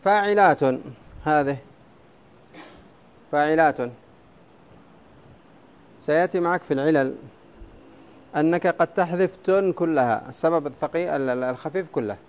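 A man's voice: a little high, normal speed, long pauses. A man teaching a class on Arabic prosody, explaining step by step and quizzing his students with questions. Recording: dull lo-fi classroom recording.

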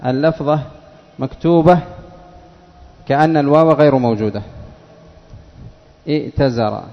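A male teacher giving a classroom lesson, patiently asking questions and repeating words slowly for his students. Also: medium pitch, warm tone. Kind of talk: classroom lesson on Arabic spelling. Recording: dull lo-fi recording, long reverb of a hall.

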